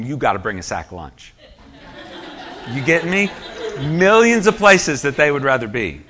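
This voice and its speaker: Male preacher, bright forceful delivery, emphatic, asks the room questions. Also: medium pitch. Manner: emphatic, rhetorical questions to the congregation. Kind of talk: sermon.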